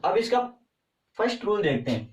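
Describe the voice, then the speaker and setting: A man's voice: high-pitched, sing-song, a little fast. A man with an Indian accent teaching a grammar lesson, often asking questions and answering them himself. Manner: repetitive, asks and answers own questions. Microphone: far from the mic. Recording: roomy, distant, dull sound.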